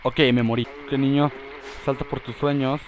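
A young man giving excitable let's play commentary, often yelling in panic at the game. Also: medium pitch, moderate pace, muffled recording, a little hiss or hum. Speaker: gamer.

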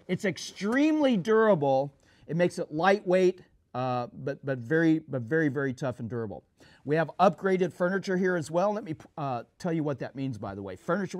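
Higher-pitched middle-aged man, emphatic presenter. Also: no room sound. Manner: emphatic, instructional, addresses viewers as guys. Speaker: gun show host. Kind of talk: presenting a product review to camera. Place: small studio set, indoors at a table.

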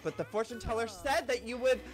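A man's voice: extremely high pitch, a little fast. A man playing a lovestruck, clingy suitor, wheedling and melodramatic in an improvised game role-play.

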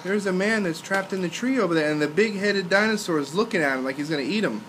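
Excited male narrator of a toy battle. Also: sits high, fast, background noise. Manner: excited, dramatic storytelling with mock roars. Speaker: narrator of a toy dinosaur game. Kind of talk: playful play-by-play narration.

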